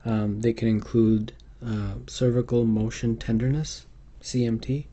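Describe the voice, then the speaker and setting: With a warm tone, medium pitch, and little pitch movement, a man speaks unhurriedly while presenting a medical exam tutorial over slides. The instructional talk is unscripted, hesitant, and packed with fillers and restarts.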